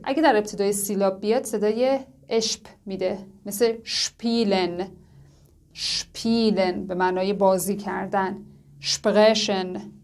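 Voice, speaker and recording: A woman teaching a language lesson. She says the example words slowly and drawn out, then explains each one at a quicker pace. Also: medium pitch. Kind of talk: lesson narration.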